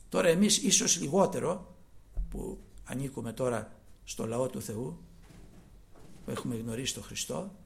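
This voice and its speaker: A male preacher giving a sermon, dropping to hushed murmurs and then rising to loud, fervent exhortation. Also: a little high, gravelly.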